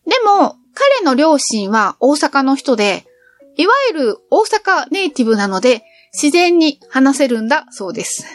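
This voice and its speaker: A woman's voice: sits high, very animated, moderate pace, dry recording. A middle-aged woman narrating her train trip in a cheerful, chatty storytelling manner. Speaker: travel vlogger. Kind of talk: scripted travel narration.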